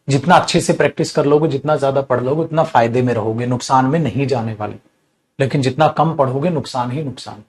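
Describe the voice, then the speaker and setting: Middle-aged male tutor, slightly high voice, stern earnest lecturer addressing students from his studio. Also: darkish tone. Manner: scolding, earnest lecturing tone, calls students beta. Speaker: teacher. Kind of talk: online English grammar class.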